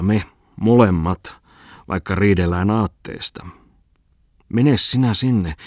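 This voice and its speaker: A male audiobook reader voicing a tipsy, excitable newspaper editor who stammers and bursts out loudly. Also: on the low side, dry recording, clean studio sound. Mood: boisterous. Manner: stammering, rising to loud outbursts.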